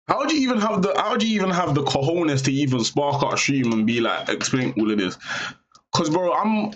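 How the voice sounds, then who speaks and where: A man hosting a live reaction stream, commenting with excitable outbursts and blunt asides. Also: a little high, normal speed, pauses often, muffled recording, a little hiss or hum.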